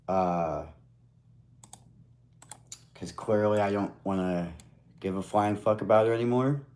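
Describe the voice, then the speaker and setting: Slow, deep-voiced man rambling on stream. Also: darkish tone. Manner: rambling and hesitant, with blunt swearing. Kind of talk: casual live stream chat. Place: at home at his computer.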